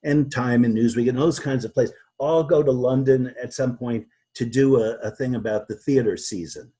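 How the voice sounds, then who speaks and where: A man being interviewed as a guest, talking in a halting way with many restarts and repeated words. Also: mid-range voice, warm tone, breathy edge. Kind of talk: conversational interview.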